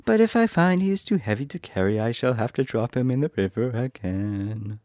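A man voicing a kind, motherly female stork in a storybook reading, speaking high and drawn out. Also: lively intonation, normal speed, dark tone, no echo, natural voice. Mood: questioning.

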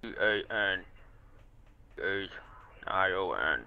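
A man streaming an online shooter, chatting casually with swearing, excitable trash talk into a headset. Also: deep voice, slow pace, clean tone, phone-quality sound. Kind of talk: casual gaming chat.

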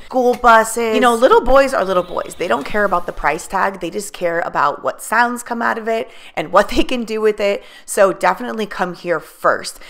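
A woman's voice: mid-range voice, a bit bright. A woman, a mother of six, narrating a shopping vlog voice-over with upbeat enthusiasm about bargains. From United States. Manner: upbeat, enthusiastic deal-hunting. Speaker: vlogger.

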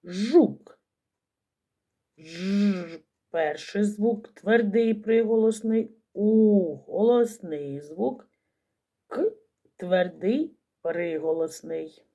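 A woman teacher giving a slow, careful phonics lesson to young children, sounding out each letter. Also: mid-range voice, warm tone.

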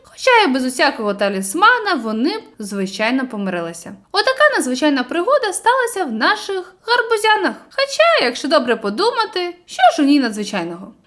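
A woman reading a children's storybook aloud with expressive, lilting storytelling. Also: sits high, fast talker, hardly any pauses. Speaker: reader.

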